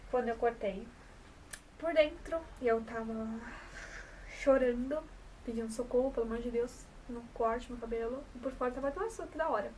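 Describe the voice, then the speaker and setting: A young Brazilian woman in her twenties vlogs casually to camera in a São Paulo coast accent, chatting, rambling, and correcting herself. Her voice is fairly high and somewhat dark, with a steady tone and moderate pace; the mic sits slightly far away, picking up a faint room hum.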